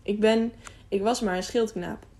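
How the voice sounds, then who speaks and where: A woman voicing an earnest teenage boy squire who speaks softly and modestly in a storybook reading. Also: medium pitch, fairly even intonation, a little slow, lightly acted.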